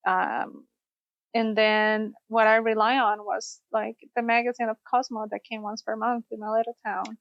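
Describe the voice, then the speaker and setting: A woman's voice: on the high side, flat delivery, moderate pace, vocal fry, dull audio. A woman from Costa Rica, a sex therapist, telling her story in a podcast interview. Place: studio, in person.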